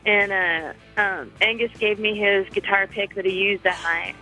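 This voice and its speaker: A woman's voice: mid-range voice, fairly even intonation, moderate pace, bright, forceful tone, soft background music, poor audio. A woman guesting on a radio show, telling a story in a rambling way with many fillers and frequent laughs. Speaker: guest musician. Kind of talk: casual on-air interview.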